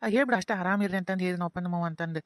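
A woman's voice: on the low side, rapid-fire, no room sound, clean studio sound, close to an everyday voice. A woman voicing an earnest, guilt-ridden young son with a North Karnataka accent, pleading with his parents in a cartoon. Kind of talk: cartoon voice acting.

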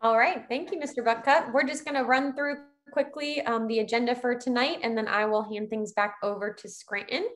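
Woman, slightly high pitch, structured webinar presenter, video call. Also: fairly even intonation, fairly quick, hardly any pauses. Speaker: education company presenter. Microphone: video call, computer microphone.

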